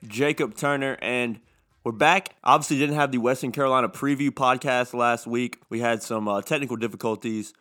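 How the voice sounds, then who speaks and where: A man's voice: medium pitch, normal speed, a bit bright. A man in his twenties with a lisp from new braces, hosting a casual solo sports podcast. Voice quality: lisp from new dental braces, like wearing a retainer.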